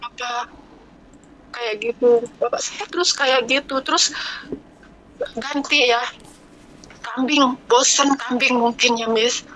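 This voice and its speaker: A woman's voice: fairly high pitch, steady tone, takes it slowly, long pauses, a crowd in the background, low-quality recording. A woman from Indonesia calling in to pour out her life story, rambling and repeating herself. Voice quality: rambling, repeats herself, ends phrases with "Miss". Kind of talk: emotional confessional call.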